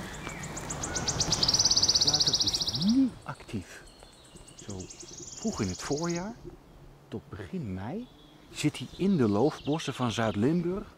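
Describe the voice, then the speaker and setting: A man's voice: medium pitch, noisy background. A man presenting as a nature expert outdoors in hilly woodland, explaining plants and birds to the viewer with enthusiasm.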